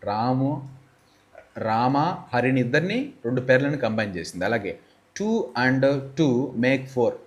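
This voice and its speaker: A man with a Telugu accent gives an English grammar lesson in a mid-range voice. He poses questions to himself and answers them. He reads example sentences slowly and deliberately. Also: medium pitch, animated. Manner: explains step by step, often asks and answers his own questions. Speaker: English teacher.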